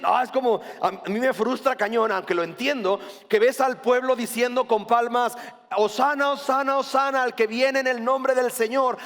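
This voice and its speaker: Brief: Mexican male pastor, emphatic colloquial sermon, high voice, echoing church hall. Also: fairly bright tone. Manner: passionate, emphatic, colloquial preaching.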